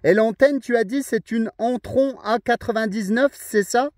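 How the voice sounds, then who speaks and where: A high-pitched Frenchman from France, an amateur radio operator, chats casually over a radio contact at normal speed. He is friendly and talkative, tacking tag words onto the ends of phrases, with background noise present.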